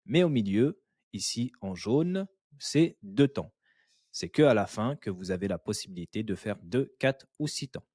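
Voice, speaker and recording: A man's voice: lowish voice, lively intonation, a little mellow, slightly rough, no echo, studio quality. A man teaching Quran recitation step by step, patiently repeating syllables and encouraging the learner. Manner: patient, drills syllables slowly and repeats them; encouraging, praises the learner often. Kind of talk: step-by-step tajwid lesson.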